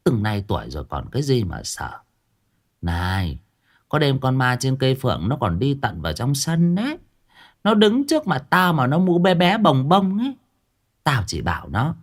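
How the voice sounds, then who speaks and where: A defiant old village woman curses with scorn and fears nothing, as a male storyteller puts her on. Her voice swings widely in pitch. She lives alone and talks coarsely. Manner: coarse, scornful, swearing boldly.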